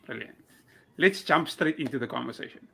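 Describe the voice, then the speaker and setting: A man's voice: medium pitch, animated, brisk, gravelly, sharp tone. A man hosting an interview podcast, giving an upbeat, scripted welcome and asking questions. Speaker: show host. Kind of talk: podcast host intro and questions.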